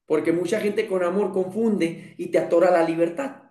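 A man with a high voice and a mellow, warm tone talks as a guest in a relaxed conversation. He sounds earnest and reflective, often breaking off and restarting his thoughts. The room gives his voice a noticeable echo. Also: normal speed. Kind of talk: casual conversation.

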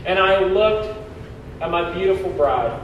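A man's voice: high-pitched, expressive, unhurried, lo-fi sound. A middle-aged man preaching as a pastor in an emphatic, colloquial, exhorting manner, his voice echoing like in a cathedral. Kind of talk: sermon. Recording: echoey church, distant mic, faint noise.

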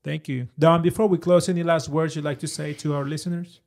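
Male podcast host, fairly high voice, gravelly, short affirming replies. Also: fairly even intonation, brisk, darkish tone. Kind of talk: casual conversation.

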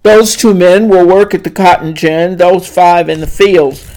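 A narrator voicing a tall, commanding male plantation owner who gives clipped, booming orders. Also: steady tone, a little slow, darkish tone, lightly acted, poor audio. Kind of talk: audiobook character voice.

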